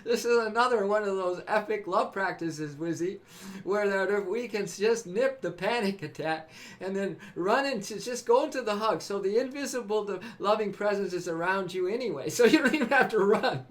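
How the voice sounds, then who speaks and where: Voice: medium pitch, moderate pace. A host from California giving a spiritual, motivational live-stream talk. The host laughs often, repeats phrases, and speaks to viewers by name.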